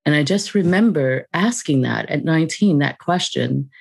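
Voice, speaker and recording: An interview guest telling a personal story in a casual, reflective way, with many fillers and soft laughs. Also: mid-range voice, animated, normal speed, creaky, slightly rough.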